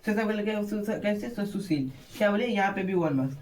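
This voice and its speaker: A man's voice: sits high, animated, fast talker. A man with a Bihari Hindi accent teaching an exam-prep lesson. He keeps asking short questions and repeating the answers for his students. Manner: repeats answers, quizzes listeners.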